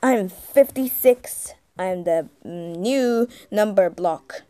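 A woman voicing a proud square number-block character in a fan cartoon, speaking haltingly. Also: mid-range voice, mellow, clear, resonant tone, voice pushed down, natural voice. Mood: boastful.

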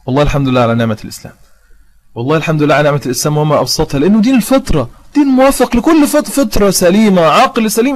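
A young man with an Egyptian accent, arguing as host of an online religious debate and reading quotations aloud. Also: on the high side. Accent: Egyptian Arabic. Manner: fast, argumentative, reads quotations aloud.

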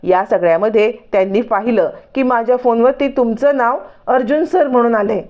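A woman's voice: fairly high pitch, moderate pace, a little mellow, muffled recording, natural voice. A woman voicing a flustered young woman who explains herself hurriedly. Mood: explaining.

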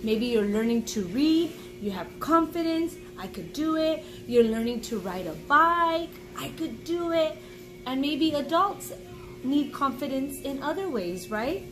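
Music plays beneath a rough recording of a woman in her forties reading a children's book at home in a small room. Her high, expressive voice takes a teacherly tone, encouraging the listener and breaking off to explain and ask questions.

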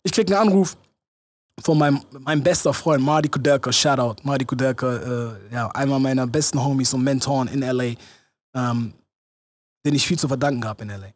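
A young man, a choreographer and show director, telling a story as a podcast guest with lively energy, acting out quoted lines and mixing in English phrases. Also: medium pitch, fairly quick, no echo. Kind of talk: animated anecdote-telling in casual chat.

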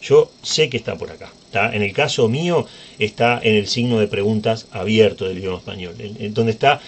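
A man's voice: lowish voice, a little fast, a little hiss or hum. A man giving an informal, chatty computer tutorial, often checking in with his viewers. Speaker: tech tutorial presenter. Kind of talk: screen-recorded computer tutorial.

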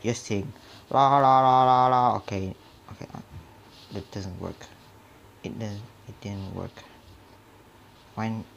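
A gamer's fairly low, creaky voice carries his nervous horror let's play commentary, slight background noise behind him. He startles easily, whispers often, and mutters mild curses under his breath.

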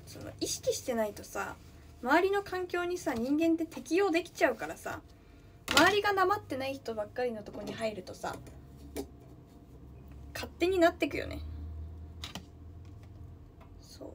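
A woman's voice: sits high, very animated, moderate pace, pauses often, fairly bright tone, a little hiss or hum. A young woman from Nagano, chatting casually on a livestream, thinking aloud and greeting viewers often. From Nagano, Japan. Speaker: livestreaming idol.

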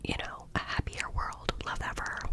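A woman hosting ASMR, whispering sarcastic, giggly commentary while playing a romance game. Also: normal speed. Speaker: ASMR host.

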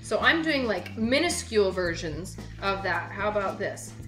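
A young woman hosting a home cooking show, talking casually and brightly straight to the viewer while she works in her kitchen. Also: medium pitch, very animated, normal speed. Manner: chatty, upbeat, talks straight to the viewer. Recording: roomy kitchen with music behind.

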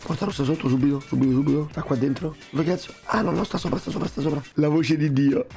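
A man who has lost his voice, croaking through casual gameplay commentary, joking and swearing with his viewers. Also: on the high side, very fast. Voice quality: croaky duck-like voice. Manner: swears a lot, jokey, talks to viewers. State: lost voice, hoarse. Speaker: gaming streamer. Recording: game music behind.

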